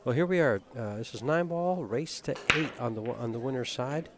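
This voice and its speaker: A relaxed man calls a pool match in a chatty, knowledgeable way, his voice sitting in an ordinary middle register. He talks through the shots like a seasoned commentator, with no fuss. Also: mid-range voice, fairly quick, heavy background noise. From Tucson, Arizona. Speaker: play-by-play commentator.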